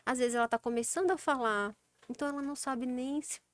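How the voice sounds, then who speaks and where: A woman with a Brazilian Portuguese accent, a child sleep specialist, talks quickly in a high-sitting voice during a casual interview. She explains things practically and acts out everyday scenes with children.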